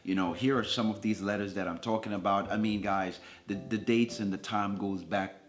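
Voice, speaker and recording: A middle-aged man from Jamaica speaks in a very low, deep voice. He tells the story of his marriage in a relaxed, earnest way, addressing his viewers directly. Soft music plays faintly underneath. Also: moderate pace. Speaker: co-host, husband. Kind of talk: casual chat.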